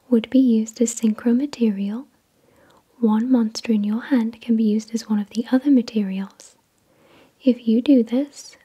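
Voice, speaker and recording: A woman whispers in a very breathy, airy, high voice with almost no tone, placing each phrase slowly and carefully. As an ASMR video host, she unboxes cards and reads their descriptions in a soft, mellow, soothing way, like reading someone to sleep.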